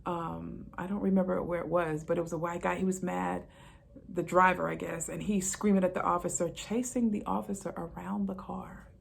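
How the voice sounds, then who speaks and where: A woman's voice: lowish voice, fairly even intonation, normal speed, gravelly, husky. A middle-aged woman, a retired police officer, telling stories in a casual monologue and repeating phrases for emphasis.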